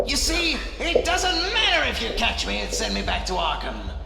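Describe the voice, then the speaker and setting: A man's voice: extremely high pitch, wildly swooping pitch, normal speed, vocal fry, full character voice. A man playing a manic, sadistic clown villain with theatrical, mocking glee in a radio drama. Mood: manic delight. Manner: mocking, showman-like, cackling, wildly swooping. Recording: amateur radio drama under loud music.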